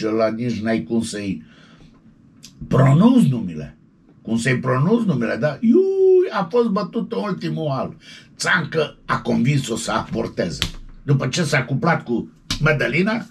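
A man delivers showbiz gossip in a loud, colloquial, excitable way, breaking into yelps. His voice is gravelly and husky, and his pitch leaps up and down constantly. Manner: excitable, colloquial, yelping interjections. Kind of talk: animated gossip commentary.

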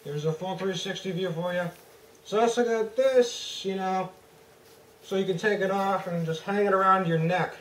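A man's voice: high voice, moderate pace, a bit bright, slight background noise. Man talking through a gas mask. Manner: muffled, loose and chatty, addressing viewers. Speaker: product reviewer. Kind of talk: casual product review vlog. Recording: roomy echo, distant from the mic.

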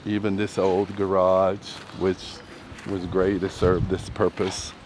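A man with a very deep voice narrates a walking tour of his property at an unhurried pace. He talks in a loose, rambling way, filling gaps with "you know". The phone recording is made outdoors, with street, animal and vehicle noise clearly heard behind him. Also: little pitch movement, darkish tone. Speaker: vlogger giving a property tour. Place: outdoors on a street and yard in the sun. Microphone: handheld phone camera.

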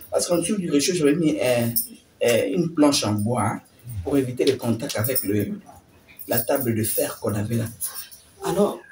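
A woman's voice: deep voice, a little mellow. A woman giving a personal faith testimony as an interview guest, telling her story with animation and acting out the words of others. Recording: distant mic with faint noise.

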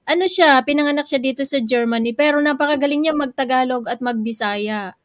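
High-voiced chatty Filipina radio co-host. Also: female voice, a little fast, no echo, studio quality. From Philippines. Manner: chatty, laughs easily, tells family anecdotes. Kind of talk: casual radio chat.

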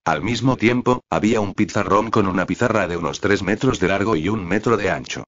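A man with a low voice narrates an audiobook at a steady, even pace, adding little expression to the reading. The recording sounds dull and lo-fi, as if the top end were rolled off. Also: brisk.

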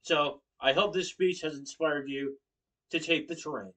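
A young man in Connecticut stands in his living room giving an informative speech for class, gesturing and sometimes correcting himself. His voice is on the high side, bright and forceful, with fairly even intonation and a slightly slow pace. The recording, from a webcam across the room, sounds distant.

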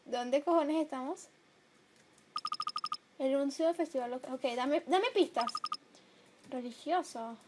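A young woman talks over her gameplay in a high voice, reacting emotionally and now and then breaking into loud outbursts. Steady noise from her home setup sits clearly behind her. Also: measured pace, long pauses. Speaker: gameplay commentator. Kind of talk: let's play commentary.

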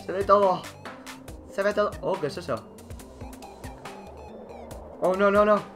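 A young man with a Spain Spanish accent, giggling and shouting through a gaming commentary, laughing at nearly everything. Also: high-pitched, unhurried, faint music behind. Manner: laughing constantly, loud exclamations, swearing. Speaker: gaming YouTuber. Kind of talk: let's play commentary.

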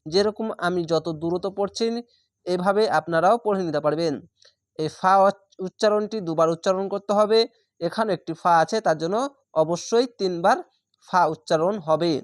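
A man teaching Quran reading, spelling out each syllable and then chanting every word slowly and drawn out, with patient, repetitive instruction. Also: high voice, dry recording, studio quality.

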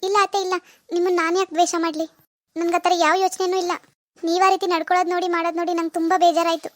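A woman playing a gentle young daughter-in-law from a village, who answers her mother-in-law politely in a homemade family drama skit. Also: very high-pitched, little pitch movement, rapid-fire, dry recording, studio quality.

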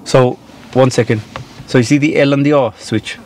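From inside a parked car, with clear cabin noise, a driving instructor in his thirties coaches a learner through conversational question and answer. His mid-range voice is steady and a little mellow at a moderate pace, and he often checks in with "yeah?".

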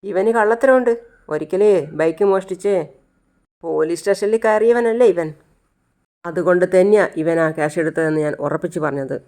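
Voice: medium pitch, brisk, darkish tone, lightly acted. A narrator voicing a harsh middle-aged mother who accuses and scolds insistently. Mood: scolding.

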